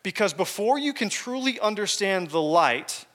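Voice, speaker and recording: A man's voice: high-pitched, animated, moderate pace, a bit bright. A man preaching a sermon, telling a personal story with joking asides to his congregation. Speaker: pastor. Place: church hall with congregation. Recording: long hall reverb.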